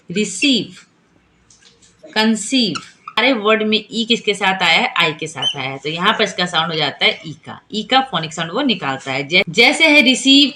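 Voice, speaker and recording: A woman's voice: mid-range voice, pushed and bright, a little hiss or hum. A woman teaching a phonics lesson, patiently explaining and repeating each rule and quizzing the viewer.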